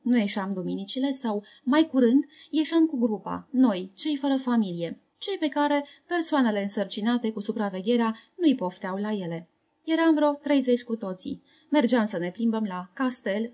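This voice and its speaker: A woman narrating a memoir novel as an audiobook, in a calm, measured, reflective reading. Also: fairly high pitch.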